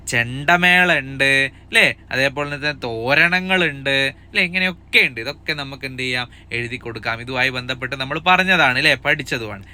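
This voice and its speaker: Bright, crisp cheerful teacher man. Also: fairly high pitch. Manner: cheerful, coaxing, asks kids many questions. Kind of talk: upbeat exam-prep lesson for young children.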